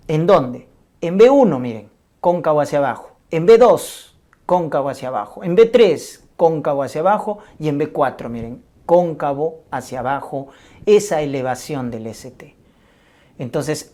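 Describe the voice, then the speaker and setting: A woman's voice: sits low, dark tone. A woman giving a medical lecture, teaching step by step and repeating key points with frequent check-ins to her students. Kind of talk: medical lecture on ECG and cardiac markers.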